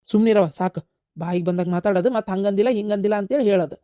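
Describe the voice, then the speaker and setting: A woman's voice: mid-range voice, fast, mellow, dry recording, clean studio sound, natural voice. A woman voicing a firm, reproachful young woman in a cartoon, with a North Karnataka Kannada accent. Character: level-headed young woman scolding her mother. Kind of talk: cartoon voice acting.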